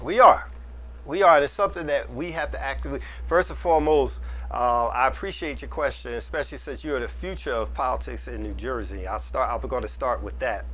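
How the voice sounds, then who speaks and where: A man's voice: medium pitch, brisk, a bit bright. A middle-aged man answering an audience question in a mosque hall, earnest and advising, often repeating phrases for emphasis. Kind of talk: community Q&A talk.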